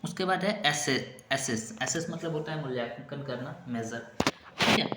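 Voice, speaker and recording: A man's voice: medium pitch, animated, moderate pace, pushed and bright. A man teaching an exam-prep vocabulary lesson, repeating memory tricks over and over and checking in with short asides. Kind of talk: classroom-style vocabulary lesson. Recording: echoey room with clear background noise.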